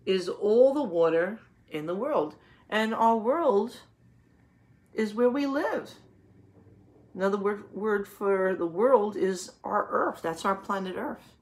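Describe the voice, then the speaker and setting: With a medium pitch, an animated delivery, and a darkish tone, a woman teacher reads a picture book aloud to young children. Along the way she explains things and pauses to ask questions and confirm the answers.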